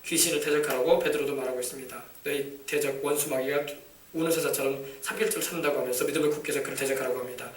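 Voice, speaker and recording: A man preaching a sermon, emphatic and shouting commands at demons, often asking the congregation for replies. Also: mid-range voice, steady tone, very fast, slight background noise. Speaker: pastor. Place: church sanctuary. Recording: echoey church, mic from a distance.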